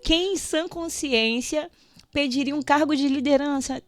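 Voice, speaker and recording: Radio guest, female, higher register; lively testimonial storyteller who acts out dialogue, light music bed. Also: unhurried. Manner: animated storytelling, acts out prayers and dialogue, laughs often. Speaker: radio show guest, teacher. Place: radio studio.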